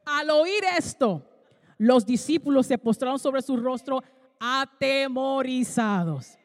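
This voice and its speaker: High-voiced woman pastor preaching. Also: animated, takes it slowly. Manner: emphatic, dramatic preaching with exclamations. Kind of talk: bilingual sermon with live interpreter. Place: church sanctuary. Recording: long hall reverb.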